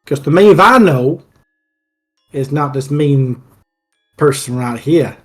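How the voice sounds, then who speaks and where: A man's voice: medium pitch, lively intonation, slow pace, breathy edge, soft background music. A man playing a tabletop game, bantering casually in character as a player.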